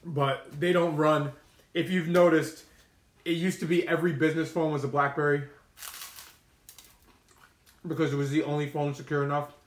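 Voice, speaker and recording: Guy with a slightly high voice rambling to his stream viewers, opinionated and slangy, roomy echo. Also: little pitch movement, normal speed, long pauses. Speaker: mukbang streamer. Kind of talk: casual rambling live-stream chat to viewers. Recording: roomy, echoey room sound.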